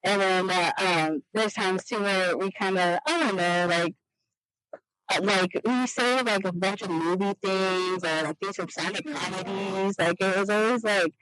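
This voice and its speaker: A woman hosting a casual podcast chat, talking in a halting, rambling way full of "like" fillers. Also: medium pitch, fairly bright tone, poor audio. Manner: halting, heavy use of "like" fillers. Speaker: podcast host.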